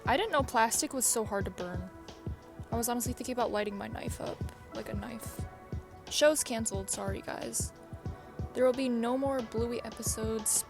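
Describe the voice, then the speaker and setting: A young woman talks fast and blunt into a phone in a windy backyard, swearing and getting excited. Her voice sits a little high, with faint music underneath. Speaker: vlogger. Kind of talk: casual chat to camera. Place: sunny, windy backyard outdoors. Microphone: phone held by hand.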